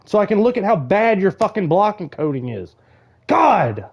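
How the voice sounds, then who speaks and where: A young man with a drawl rants at the game on his live stream. He is fed up and swears constantly. His voice sits a touch high. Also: sing-song, normal speed, slightly rough. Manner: angry swearing rant, frustrated.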